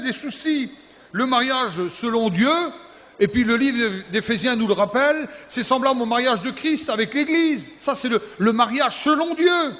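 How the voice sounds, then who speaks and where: A male youth pastor with an extremely high, slightly bright voice preaches to young people in a church hall. He's teasing and funny, firing off rhetorical questions and repeating key words for emphasis. The recording is echoey and dull, with a lo-fi sound.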